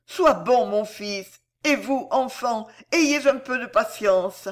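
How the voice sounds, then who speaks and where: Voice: mid-range voice, slow pace, voice pushed up, natural voice. A reader voicing a poor grieving mother who begs tearfully in a storybook reading. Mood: grateful, tearful. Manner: tearful, begging. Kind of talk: audiobook character voice.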